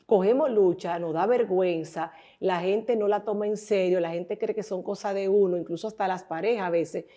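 A woman's voice: medium pitch, normal speed, few pauses, dark tone. A woman hosts a talk show in a mid-range voice. She chimes in supportively and keeps the conversation going. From Dominican Republic. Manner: supportive, interjecting. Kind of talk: empathetic interview talk.

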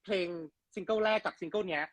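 A man's voice: high-pitched, fast, no room sound. A man hosting an interview, chatting and teasing as he reads out fan questions. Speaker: interviewer host. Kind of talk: casual interview.

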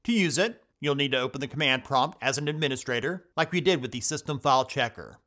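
A man hosting a computer help tutorial, reading scripted step-by-step instructions in a steady voice-over. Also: medium pitch, fast. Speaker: tech tutorial host. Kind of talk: scripted screen-recording voice-over.

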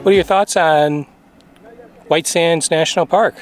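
A man's voice: a little high, steady tone, a little slow, soft background music. A middle-aged man chatting casually as a travel vlogger, speaking plainly and easily outdoors into a handheld camera. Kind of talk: casual chat. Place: outdoors on a sunny open sand flat. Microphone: selfie camera at arm's length.

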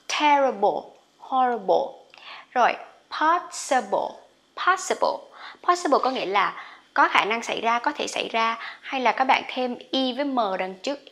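A woman's voice: a little high, a bit bright. A woman teaching English pronunciation in a casual online lesson, chatty and full of friendly particles. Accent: Vietnamese. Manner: chatty, lots of sentence-final particles; drawn-out model words when demonstrating.

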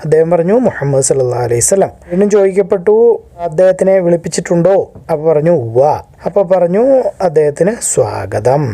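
A man's voice: fairly high pitch, mellow, no room sound. A man reading scripture translations aloud and stopping to explain them in his own words, restating points more simply as he goes. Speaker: religious teacher translating hadith. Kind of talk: reading a translation with spoken commentary.

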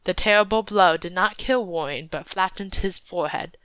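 A woman reading a folk tale aloud in a steady, measured way. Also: fairly low pitch, clean tone, no room sound. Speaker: audiobook reader. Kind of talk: storybook narration.

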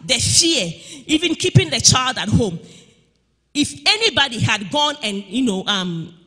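A man with a very high, husky voice preaches an impassioned sermon. His delivery swings from hushed asides to shouted, sing-song declarations, with lively pitch movement. The church sanctuary around him leaves a long reverb on every line. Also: unhurried.

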